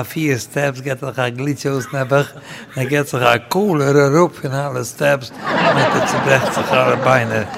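A man telling humorous anecdotes to a live audience, lively and acting out the people in his stories. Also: mid-range voice, vocal fry, noisy background. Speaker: storyteller. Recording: long hall reverb.

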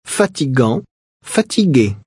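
A man and a woman speak together in unison, pronouncing French lesson drill words carefully and deliberately. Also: medium pitch, sing-song, darkish tone, husky, dry recording, studio quality. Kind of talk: slow, clearly spoken lesson drills.

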